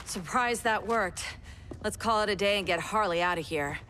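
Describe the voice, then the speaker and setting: A woman's voice: mid-range voice, normal speed, noisy background, lightly acted. An actress playing a tough, wisecracking female superhero, brash and sarcastic. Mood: sardonic. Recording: game cutscene with loud music.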